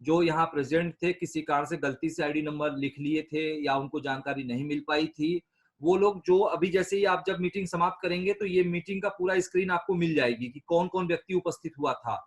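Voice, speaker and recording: A man with a notably high voice runs an online staff meeting, walking listeners through the rules step by step. He is patient and repeats key points so that everyone can follow. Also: fairly even intonation, a little fast, slightly rough. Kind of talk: instructing over a call.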